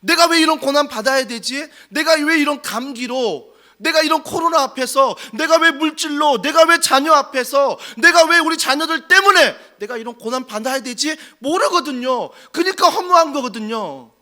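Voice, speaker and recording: A man's voice: very high-pitched, lively intonation, moderate pace, bright, forceful tone. A male pastor preaching a sermon in a church, fervent and full of rhetorical questions. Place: church sanctuary.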